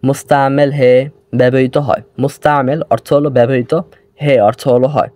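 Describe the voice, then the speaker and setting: A man with a Bangladeshi Bengali accent teaching an online grammar lesson, slowly repeating sounds to show how they are said. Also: mid-range voice, a little mellow, dry recording. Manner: slow, repeats sounds to demonstrate pronunciation.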